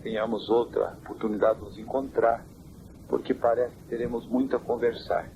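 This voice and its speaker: Church elder, man, measured preaching cadence, recorded on worn old cassette with steady hiss. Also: medium pitch, highs cut off. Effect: hissy, worn old cassette tape. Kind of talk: answering interview questions on doctrine. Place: family home.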